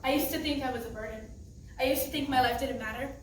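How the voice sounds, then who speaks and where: Teen girl, high and earnest, emotional youth-group testimony in an echoey room, mic far off. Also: fast talker, slight background noise. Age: teens. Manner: earnest, emotional, laughs nervously. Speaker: youth group student speaker. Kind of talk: personal testimony talk.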